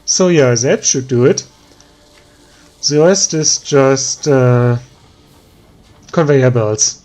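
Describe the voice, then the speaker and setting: A man with a German accent giving tired, slow let's play commentary, thinking aloud with many pauses and ums. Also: mid-range voice, darkish tone, faint music behind. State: tired, yawning. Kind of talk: relaxed gameplay commentary.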